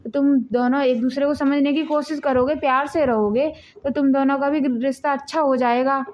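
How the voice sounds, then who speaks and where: Lady as a patient mom explaining things, highish voice. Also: steady tone, fairly quick, darkish tone, muffled recording, close to an everyday voice. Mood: pleading. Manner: pleading, explaining. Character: patient middle-aged mother, gently lecturing.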